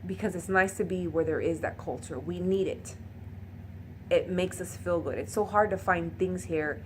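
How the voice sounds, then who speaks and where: A woman's voice: lowish voice, moderate pace, slight background noise. A woman in her thirties with a Puerto Rican accent, ranting passionately and bluntly to camera and slipping into Spanish. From Puerto Rico. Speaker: vlogger. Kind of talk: unscripted personal rant to camera.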